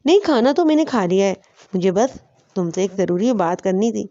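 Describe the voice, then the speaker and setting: A woman's voice: mid-range voice, lively intonation, dark tone, lightly acted. A woman voicing a selfish, manipulative young husband who presses and coaxes, on a dull lo-fi recording. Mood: pressing. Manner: pressing, coaxing.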